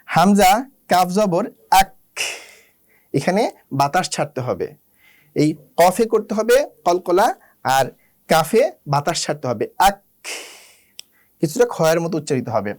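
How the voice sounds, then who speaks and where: A man teaching the rules of Quran recitation, slowly spelling out letters and drilling their sounds one by one. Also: on the high side, a little mellow. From Bangladesh. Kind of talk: slow instructional lesson.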